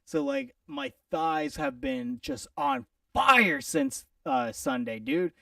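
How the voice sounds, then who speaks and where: A man co-hosting a casual football prediction chat, playful and theatrical, swinging from loud outbursts to mutters. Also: high-pitched, very animated, slow pace, creaky, dry recording, recorded from a distance. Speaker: podcast co-host.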